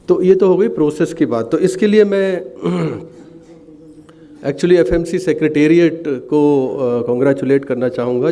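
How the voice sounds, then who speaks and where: A middle-aged man giving a formal speech at an award ceremony, pausing often with fillers. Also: medium pitch, dark tone. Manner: hesitant, many filler sounds, measured. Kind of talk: formal ceremony speech, Hindi mixed with English.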